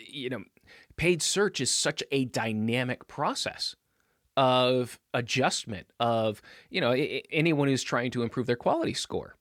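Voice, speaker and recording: A man's voice: mid-range voice, a bit bright, dry recording, clean studio sound. A man hosting a podcast, chatty and enthusiastic, laughing easily and using many fillers. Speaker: podcast host. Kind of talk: casual conversation.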